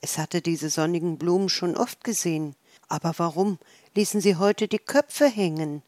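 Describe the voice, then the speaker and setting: A woman narrating a children's storybook in a calm, measured way. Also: fairly low pitch, no echo.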